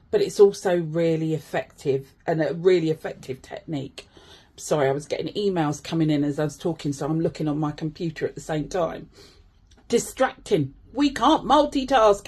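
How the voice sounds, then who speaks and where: A woman with a low-set, husky voice chats informally as a wellbeing coach. Her delivery is conversational and self-deprecating, addressed straight to her followers. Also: darkish tone. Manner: chatty, self-deprecating asides. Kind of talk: informal video chat to followers.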